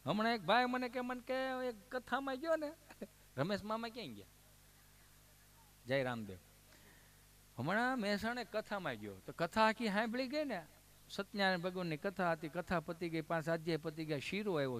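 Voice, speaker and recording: Bright high-voiced Kathiawadi storyteller man. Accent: Kathiawadi Gujarati. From Amreli district, Gujarat. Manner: lively, voices the people in his tales. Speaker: folk comedian storyteller. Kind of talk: stage comic storytelling.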